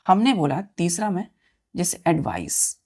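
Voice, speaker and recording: A woman's voice: lowish voice, very animated, measured pace, a little mellow, slightly rough. Woman teacher drilling grammar, spelling words out. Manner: repeats key words and quizzes the students; addresses listeners as children. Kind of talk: online exam-prep lesson.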